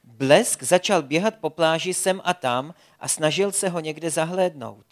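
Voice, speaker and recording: A storyteller reading a children's animal adventure aloud with a lively, expressive delivery. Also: medium pitch.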